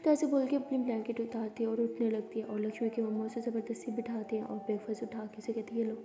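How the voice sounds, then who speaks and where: A woman narrating a romance story, sometimes dropping to a soft whisper. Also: a little high, flat delivery, fast talker. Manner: softly dropping to a whisper in intimate scenes. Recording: echoey room, long reverb.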